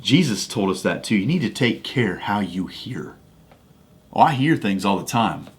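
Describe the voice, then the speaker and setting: A man's voice: lowish voice, expressive, moderate pace. A man hosting a podcast, talking casually about faith and telling a personal story in a folksy, conversational way with frequent restarts. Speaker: podcast host. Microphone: studio microphone.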